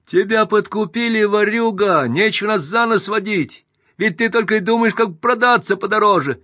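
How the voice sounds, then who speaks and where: A man's voice: high-pitched, normal speed, no room sound, studio quality, voice pushed up. Man doing an indignant heckling carpenter. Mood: accusing. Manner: insulting, shouted accusations.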